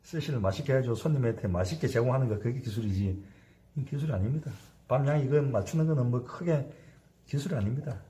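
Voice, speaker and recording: A man's voice: medium pitch, fast talker, mellow. A man in his fifties, a cooking instructor giving a hands-on sushi demonstration, chatty and constantly asking his class to agree.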